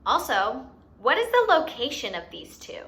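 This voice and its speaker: A children's teacher and host with a high voice that swoops wildly in pitch talks at normal speed with a fairly bright tone. She explains things simply and expressively for young children and asks the listener questions.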